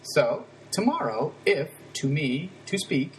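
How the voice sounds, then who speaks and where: A man's voice: on the high side, very animated, slight background noise, poor audio. Casual man explaining Latin grammar. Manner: casual, conversational, breaks down grammar with quick asides. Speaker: Latin teacher. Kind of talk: explaining a Latin text line by line.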